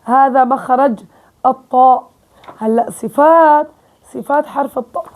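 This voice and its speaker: A woman's voice: sits high, moderate pace, darkish tone. A woman with a Levantine Arabic accent teaching Quran recitation in a casual spoken lesson, explaining step by step and often checking in with her listeners.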